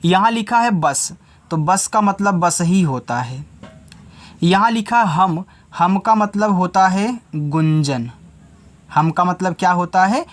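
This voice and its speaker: Slow, patient Hindi-speaking male teacher. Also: high-pitched, expressive. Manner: spells out letters slowly, then repeats answers to own questions. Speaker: English teacher for children. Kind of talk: whiteboard phonics lesson.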